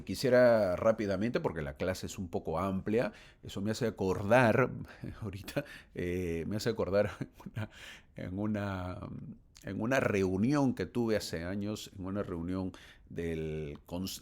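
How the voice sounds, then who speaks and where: A man's voice: low-pitched, measured pace, a little mellow. A man teaching a church scripture class, telling a story in a chatty, rambling way and laughing as he goes. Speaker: church Sunday school teacher. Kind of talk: conversational scripture lesson with anecdote.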